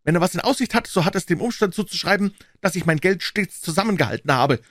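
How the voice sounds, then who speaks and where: A man voicing a quarrelsome, stingy old nobleman in an audiobook, with a whining yet sharp, insistent voice. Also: high voice, animated, fast talker, dry recording, studio quality, pitched above the performer's own voice. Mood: indignant, stingy. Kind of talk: audiobook character voice.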